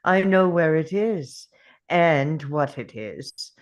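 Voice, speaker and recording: A performer plays a clever, brooding alien man who travels through time, in a sci-fi drama read. The delivery is slow and deliberate, with pitch that swings widely. The character ponders aloud theatrically. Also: animated. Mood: grave, confessional. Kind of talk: dramatic script table read.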